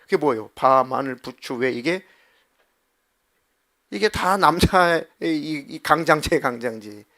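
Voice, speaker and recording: A man preaching a sermon as pastor, telling the story with lively acted-out voices. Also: on the high side, slow pace, pauses often. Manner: animated storytelling, acting out voices of God and the people.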